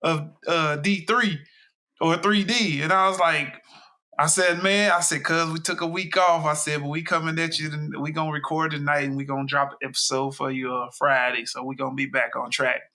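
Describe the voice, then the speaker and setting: A man's voice: fairly high pitch, fairly even intonation, normal speed, pushed and bright. A middle-aged man co-hosting a casual podcast with his daughter, laid-back with dry humor. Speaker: podcast co-host. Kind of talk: casual chat.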